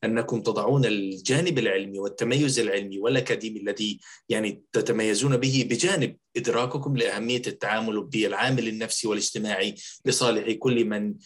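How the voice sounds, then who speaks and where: A man's voice: fairly low pitch, fast talker, slightly rough. A man hosting an interview, putting long, formal and courteously worded questions to his guest. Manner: formal, wordy, courteous phrasing. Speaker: interviewer, host.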